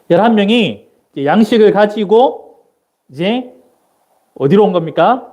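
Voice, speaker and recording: A man's voice: high-pitched, mellow. A man preaching a Sunday sermon as a missionary at a church service on a microphone. He keeps asking the congregation questions and then answers them himself. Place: church sanctuary during a service.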